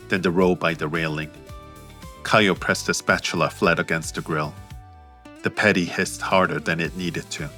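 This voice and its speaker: Over faint background music, the audiobook narrator speaks in a low, crisp voice, keeping his delivery measured and steady.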